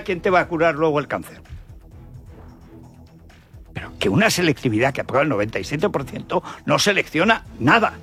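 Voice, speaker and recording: Slightly high and a bit bright, this older man's voice also has a breathy edge. He speaks with an accent from Spain, giving a colloquial radio commentary that is indignant, opinionated, and thick with rhetorical questions.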